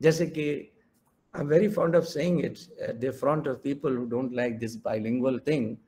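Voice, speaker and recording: An older man, a native Hindi speaker with an Indian English accent, delivers an emphatic keynote lecture over an online video call, mixing Hindi into his English. His voice is mid-range and mellow, at a moderate pace.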